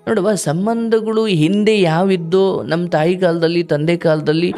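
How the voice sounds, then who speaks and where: A man's voice: high voice, fairly even intonation, measured pace, faint music behind. A man hosting a live call-in counseling show, giving fatherly spiritual advice to a caller and sometimes acting out what people say. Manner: warm, fatherly, preaching advice with acted quotes.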